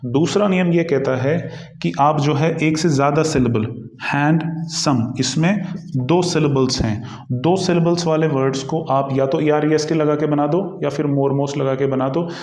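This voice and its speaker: A male English teacher with an Indian accent giving an exam-prep grammar lesson, explaining slowly, repeating himself and pausing often. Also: a little high, darkish tone. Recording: echoey room.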